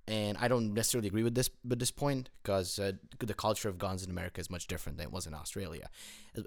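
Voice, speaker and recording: A man from Hungary talking as a student panelist in a casual discussion, often correcting himself as he goes. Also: fairly low pitch.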